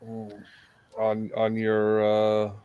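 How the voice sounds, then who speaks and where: Slow, deadpan man hosting a stream. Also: fairly low pitch, smooth, no echo, lo-fi sound. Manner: dry, deadpan jokes. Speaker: live stream host. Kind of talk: casual chat on a live stream.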